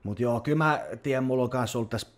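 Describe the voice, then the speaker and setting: A man hosting a podcast, talking bluntly and heatedly, swearing a lot. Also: medium pitch. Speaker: podcast host. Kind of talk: casual podcast rant.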